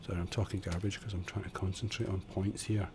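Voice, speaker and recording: He has a low, steady, slightly mellow voice and talks fast, with a little hiss or hum audible. The clip is casual live-stream tutorial talk from a man building in a game at home, chatty and self-deprecating, muttering into a desk condenser mic.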